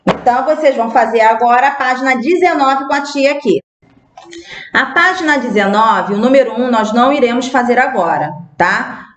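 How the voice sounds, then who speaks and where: Patient Brazilian teacher in an echoey room. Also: female voice, fairly high pitch, lively intonation. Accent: Brazilian Portuguese. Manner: slow, patient, spelling out words one by one. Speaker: primary school teacher. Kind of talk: recorded remote class lesson.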